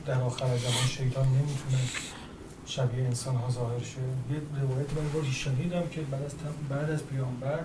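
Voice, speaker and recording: A man in the audience speaks quietly and hesitantly from away from the mic. The room echoes and there is noise behind him. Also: medium pitch, little pitch movement.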